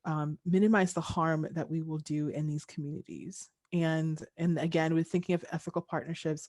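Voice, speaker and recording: A woman's voice: sits low, darkish tone, no echo, studio quality. A young woman from Tanzania speaking on a video call in a thoughtful, earnest way, with frequent fillers as she reflects in a panel discussion.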